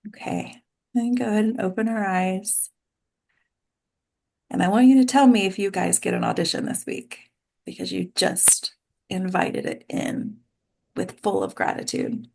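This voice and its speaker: Over a video call on her computer microphone, a host and acting coach leads a group of actors in an informal, encouraging way. Her voice has medium pitch and a darkish, gravelly tone, and she's unhurried, pausing often.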